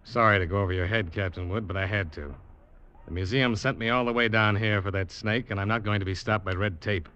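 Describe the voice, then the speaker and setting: In an old radio drama, an actor voices an American snake hunter who is determined yet uneasy, narrating his expedition in a dramatic, deliberate way. His voice is fairly low and sharp, and his mood comes across as confident. The recording is muffled and has music.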